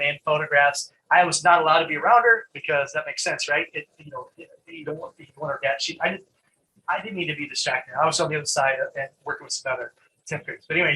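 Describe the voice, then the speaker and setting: A middle-aged man giving a live online training talk, conversational and animated, often laughing and restarting his sentences. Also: a little high, rough recording.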